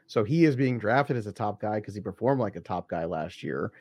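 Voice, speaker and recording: A man's voice: fairly low pitch, expressive, a little fast, darkish tone, breathy edge, no room sound. A man hosting a casual podcast chat, leading the questions in a conversational way. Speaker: podcast host.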